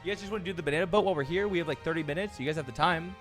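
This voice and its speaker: A man's voice: a little high, rapid-fire, a bit bright, soft background music, lightly acted. A man voicing a friendly, pushy male tour guide making a casual offhand offer. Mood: breezy.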